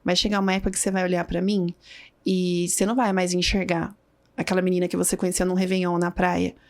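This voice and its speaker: A woman's voice: on the low side, flat delivery, quick pace. Woman telling a personal story vividly. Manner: vivid storyteller who acts out quoted dialogue. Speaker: podcast guest. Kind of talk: personal story in a podcast interview.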